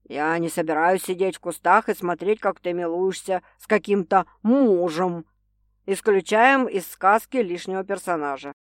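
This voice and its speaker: A woman's voice: no room sound, lightly acted. A woman doing a wry, domineering young man. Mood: wry, teasing. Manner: slow, low and wry. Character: teasing, domineering young man, ironic lover. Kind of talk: audiobook character voice.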